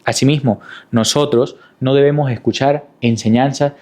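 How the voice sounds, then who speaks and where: A man's voice: medium pitch, steady tone, moderate pace, warm tone. A man preaching a sermon in a teaching manner, asking rhetorical questions and repeating key points. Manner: didactic, with rhetorical questions and repetition.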